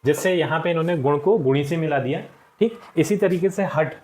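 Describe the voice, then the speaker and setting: A man's voice: on the high side, brisk, darkish tone. A man teaching a children's class, walking step by step through textbook exercises, patient and repeating each answer. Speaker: school teacher. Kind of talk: explaining a textbook lesson to children.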